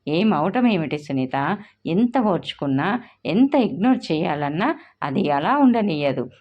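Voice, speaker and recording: A woman voicing a hot-tempered mother in her thirties in a storybook reading, sharp and shouting. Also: sits low, big pitch swings, measured pace, highs cut off, heavily acted. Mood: bitter. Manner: shouting in rage.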